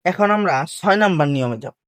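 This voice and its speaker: In a classroom-style video lesson, a language teacher with an animated mid-range voice walks through pronunciation rules slowly and carefully. They keep raising rhetorical questions before answering them, and they repeat the key points.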